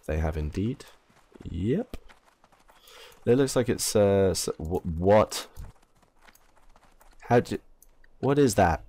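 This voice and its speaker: A man's voice: low-pitched, mellow. A man with an English accent giving casual, rambling commentary while playing a video game, often correcting himself. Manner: rambling, self-correcting, chatty. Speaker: let's play commentator.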